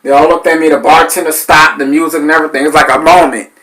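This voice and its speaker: A man, hosting a podcast and telling stories in a loose, animated way, cursing and acting out voices. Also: fairly high pitch, rapid-fire, rough recording. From New Orleans, Louisiana. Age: 30s. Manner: animated, swearing, acts out voices in his stories. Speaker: podcast host. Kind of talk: casual storytelling.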